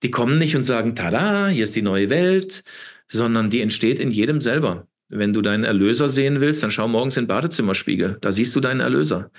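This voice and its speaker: A man's voice: mid-range voice, fast talker, hardly any pauses. A man in his fifties talking as an interview guest, emphatic and preachy, often repeating words and ending with a questioning tag. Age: 50s. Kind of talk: impassioned interview talk.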